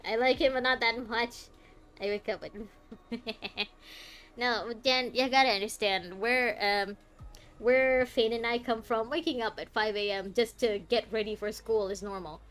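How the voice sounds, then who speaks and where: A young woman streaming a game, chatting to viewers with lots of laughter and excited reactions. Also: fairly high pitch, unhurried, clean tone. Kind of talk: live gameplay commentary.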